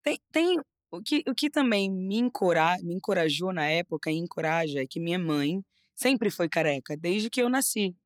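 A young adult woman from Rio de Janeiro with a Carioca accent, chatting lively as a guest, laughing often and restarting her phrases. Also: on the low side, moderate pace, few pauses, dry recording, clean studio sound. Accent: Carioca Brazilian Portuguese. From Rio de Janeiro, Brazil. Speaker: guest model. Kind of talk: casual interview chat.

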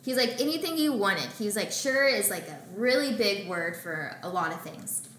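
A young adult woman, a guest on an interview show, telling her story in a casual way and acting out conversations with lively back-and-forth. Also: mid-range voice, a little hiss or hum. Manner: animated, acts out conversations in quick back-and-forth. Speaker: podcast guest, small bakery founder. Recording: roomy echoey room.

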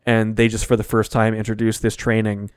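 A man chatting casually about a movie, turning loud and high-pitched when he gets worked up. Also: completely flat delivery, fairly quick, clean tone, no echo, clean studio sound.

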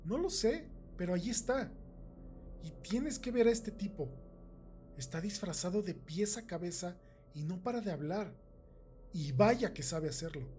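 Man voicing a breathless excited teen girl. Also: high voice, slight background noise. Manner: eager, rushed talk.

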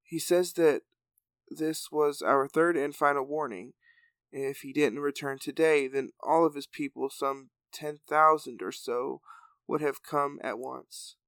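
A man's voice: a little high, fairly even intonation, unhurried, a bit bright, no echo. A man voicing Jack, a young male hero who plainly relays a lizard's messages in a read-aloud story. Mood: calm.

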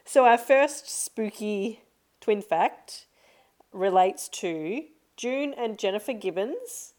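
A woman's voice: medium pitch, expressive, takes it slowly, a little mellow. A woman co-hosting a casual podcast, chatting and telling a spooky story with frequent laughs and fillers. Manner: chatty, laughs often, tells stories with lots of fillers. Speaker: podcast co-host. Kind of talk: casual chat.

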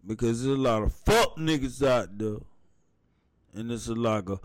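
A man's voice: mid-range voice, lively intonation, normal speed, no room sound, clean studio sound. A man guest in casual profane chat, blunt and preachy, tagging "man" onto his lines. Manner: laid-back, blunt, preachy, says "man" a lot.

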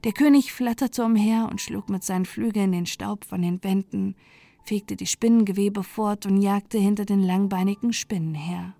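A woman gently narrating a bedtime fairy tale, soft and sometimes dropping to a whisper. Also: medium pitch, steady tone, moderate pace, vocal fry, dry recording. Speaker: storyteller. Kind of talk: calm bedtime story narration.

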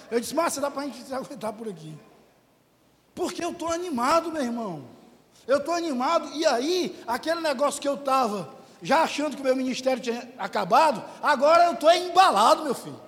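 Man, pastor, lively sermon storytelling, very high voice, long reverb. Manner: animated storytelling with quoted dialogue. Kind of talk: testimony in a sermon.

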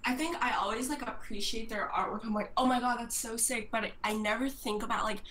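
A woman's voice: a little high, quick pace, a crowd in the background. A woman in her twenties, a podcast guest in casual chat, talking in slang and swearing freely. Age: 20s. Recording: echoey room.

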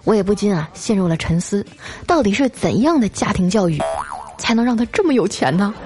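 A woman telling comic anecdotes in a lively, scripted way, stretching out filler sounds between phrases. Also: mid-range voice, a little fast, over music. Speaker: storyteller host.

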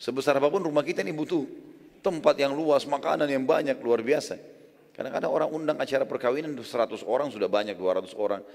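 A man's voice: mid-range voice, quick pace, creaky, a little mellow. Male preacher, chatty storytelling sermon, mid-range voice, long hall reverb. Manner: conversational, explains and asks listeners.

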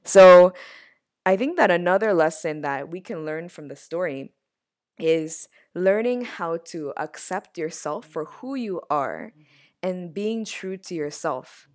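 A woman's voice: lowish voice, lively intonation, slow, darkish tone. A woman interviewing a guest, speaking thoughtfully and earnestly, with occasional small restarts. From United States. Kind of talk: reflective conversational interview.

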